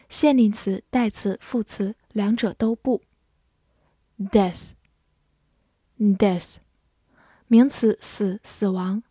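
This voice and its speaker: A woman reading out a scripted English vocabulary lesson, repeating each word slowly and then giving its part of speech and meanings. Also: mid-range voice, mellow, slightly rough, no room sound, studio quality. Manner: slow, deliberate word-by-word drilling.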